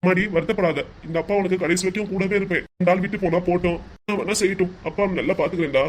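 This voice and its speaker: A woman's voice: lowish voice, racing, a little hiss or hum, pitched below the performer's own voice, close to an everyday voice. A woman voicing a worried, loving elderly father who soothes and reassures his daughter in a cartoon. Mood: comforting. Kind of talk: cartoon voice acting.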